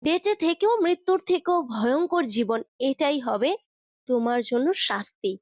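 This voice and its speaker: A man's voice: extremely high pitch, expressive, measured pace, no echo, clean studio sound, pitched above the performer's own voice. A man voicing a bitter, vengeful female ghost who taunts and cackles in an audio story. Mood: taunting. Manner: taunting, mocking laughter.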